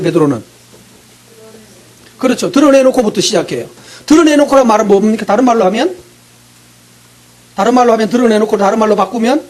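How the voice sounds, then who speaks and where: A middle-aged male pastor preaching, quizzing his congregation with quick, teasing questions. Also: high voice, a little mellow. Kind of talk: interactive sermon.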